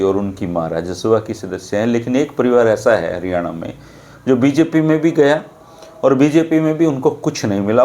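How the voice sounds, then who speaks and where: A man's voice: lowish voice, dark tone. A man hosting a political talk show, speaking sarcastically and addressing viewers directly. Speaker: host. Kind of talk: political commentary and discussion.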